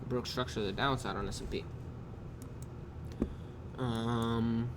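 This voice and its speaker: A man's voice: medium pitch, steady tone, noisy background. Tired man talking over keyboard clatter. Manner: loose, unhurried, with drawn-out pauses and casual swearing. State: tired, yawning. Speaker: day trader reviewing his trades. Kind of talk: casual screen-recorded trade review. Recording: clear keyboard typing in background.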